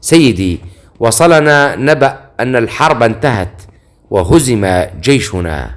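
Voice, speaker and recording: A man's voice: medium pitch, expressive, fast talker, natural voice. A man voicing a frightened palace guard who speaks in a trembling voice. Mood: fearful.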